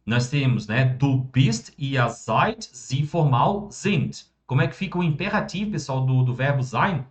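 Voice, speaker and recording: Man, German teacher, online lesson, mid-pitched voice, chatty, slows down for examples. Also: animated.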